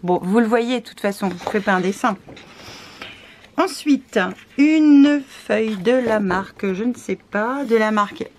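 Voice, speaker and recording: A woman's voice: fairly high pitch, animated, unhurried, darkish tone, slight background noise. A tired woman describing scrapbooking papers in casual unboxing commentary, with hesitant talk, many fillers and self-deprecating asides. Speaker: scrapbooking vlogger.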